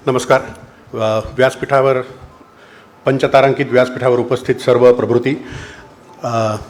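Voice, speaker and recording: A man with a Marathi accent, a doctor, giving a formal, measured speech at a public meeting, with a few hesitations. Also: medium pitch, level tone. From India. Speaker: doctor addressing a political meeting.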